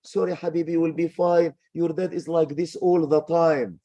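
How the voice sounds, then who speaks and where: A man voicing a soft-hearted mother who comforts her son and blames the father, with a husky voice. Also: on the high side, steady tone, moderate pace, voice pushed up. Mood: coddling. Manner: coddling, sympathetic.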